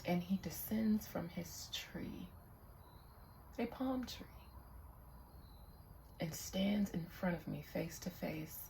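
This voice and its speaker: A woman's voice: on the low side, slow, creaky, long pauses, mellow, slight background noise, low-quality recording. A woman who is a spiritual reader, leading a ritual reading in an incantatory, repetitive voice that drops into whispers.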